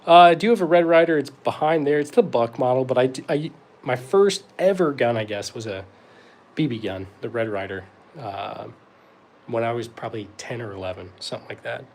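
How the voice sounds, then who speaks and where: A man's voice: mid-range voice, brisk, a little mellow. Young man from North Carolina, host of a laid-back live Q&A, rambly and easygoing, plenty of ums. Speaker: host answering live chat questions. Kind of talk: casual livestream Q&A.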